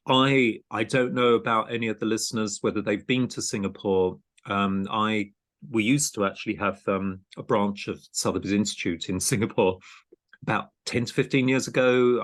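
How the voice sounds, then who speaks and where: A man with a fairly low voice hosts a conversational podcast interview. He talks with plenty of ums, pauses and restarts. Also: a bit bright. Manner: hesitant, many ums and restarts. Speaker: podcast host and programme director.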